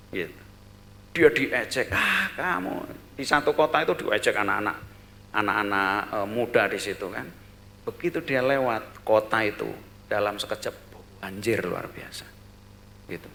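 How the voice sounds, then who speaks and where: A man speaking at a business seminar, telling a story in a lively way: he repeats words, tags his phrases with short fillers, and lets his voice swell loud and then drop soft. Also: mid-range voice.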